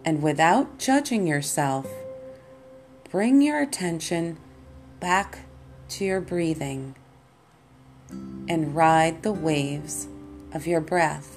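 A woman leading a guided meditation as host and teacher, in a calm, soothing, meditative manner. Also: sits low, takes it slowly, long pauses. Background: plucked guitar music.

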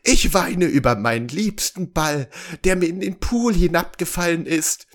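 Man doing a shrill whiny princess. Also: sing-song, normal speed. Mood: sobbing. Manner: sobbing, shrill. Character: whiny spoiled young princess.

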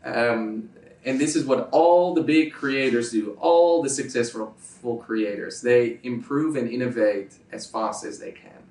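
A Dutch YouTuber from the Netherlands, a native Dutch speaker, answers interview questions as a guest with a mid-range, slightly mellow voice at a measured pace. He is emphatic, repeats his points, and checks agreement with "right?". Recorded from a distance, the sound is roomy and off-mic.

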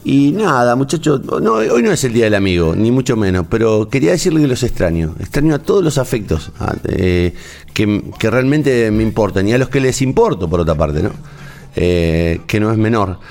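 A man's voice: on the low side, sing-song, moderate pace, gravelly, darkish tone. A man with an Argentine Spanish accent, talking in a casual, rambling, emotional way as a host, with many restarts. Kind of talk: casual on-air chat.

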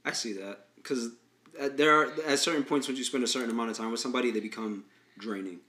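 A man's voice: mid-range voice, quick pace, sharp tone. A young man co-hosting a podcast, talking in a casual conversational way. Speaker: podcast co-host. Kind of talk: casual chat.

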